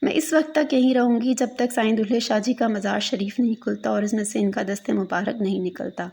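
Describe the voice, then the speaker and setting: A woman's voice: mid-range voice, steady tone, creaky, darkish tone, slightly rough. A woman voicing a distraught young woman who insists on her vow to stay at a shrine, in a fervent, repeating manner.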